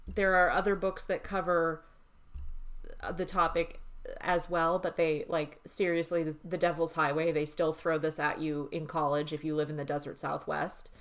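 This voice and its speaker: A woman in her thirties with a fairly low voice co-hosts a casual podcast. She talks candidly and swears freely. She laughs easily as she chats. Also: flat delivery, normal speed. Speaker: podcast co-host. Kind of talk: casual chat.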